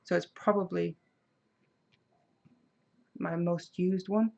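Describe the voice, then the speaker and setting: A woman's voice: lowish voice, steady tone, slow pace, gravelly, dark tone. A woman, chatting casually on a craft live stream and answering viewer comments. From Denmark. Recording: slightly dull lo-fi sound.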